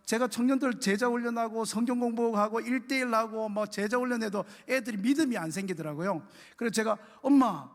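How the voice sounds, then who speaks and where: A man's voice: very high-pitched, a little fast, few pauses, big-room sound. A male pastor, telling a story in a sermon and acting out the dialogue. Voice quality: animated storytelling with acted dialogue. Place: church.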